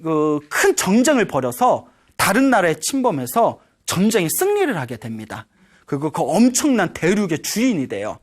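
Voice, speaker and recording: A woman's voice: lowish voice, slightly rough. A woman Buddhist teacher giving a humorous sermon, telling a story and often prompting her audience. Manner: lively, keeps prompting the audience, chuckles.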